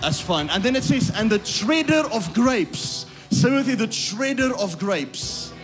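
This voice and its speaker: Faint music plays behind a pastor delivering a live sermon in a high voice with big pitch swings, speaking a little slowly. He moves between quiet asides and shouted lines, repeats himself, makes sure the congregation keeps up, and his voice is giving out.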